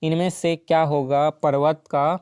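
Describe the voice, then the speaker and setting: A man's voice: a little high, flat delivery, unhurried, a little mellow, clear, resonant tone, no room sound, clean studio sound. A man teaching an exam-prep lesson, explaining each question step by step and checking in often with the listener. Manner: explains step by step with frequent "ठीक है" and "है ना".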